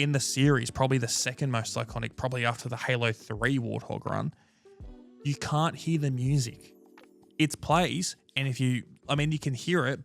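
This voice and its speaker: Gravelly-voiced man ranting about games. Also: mid-range voice. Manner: animated, frank, swears freely. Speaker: podcast co-host. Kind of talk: casual gaming chat.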